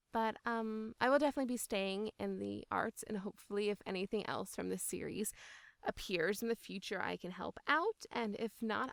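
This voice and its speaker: A young voice actor talks as an interview guest in a relaxed, enthusiastic and emphatic way, laughing as she goes. Her mid-range voice has a gravelly texture, and the recording is dry, clean studio sound.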